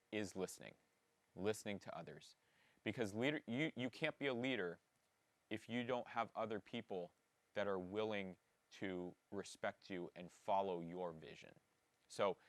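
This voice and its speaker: A man's voice: fairly low pitch, fairly bright tone, no echo. A middle-aged male school principal addressing students at an assembly, in an earnest, encouraging way, often repeating words for emphasis.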